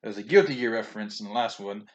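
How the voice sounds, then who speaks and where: Rapid-fire and fairly low-pitched, a man reviews the manga he just bought in a casual video. He's chatty and opinionated, rambling along, restarting often, stumbling over names, and chuckling a lot.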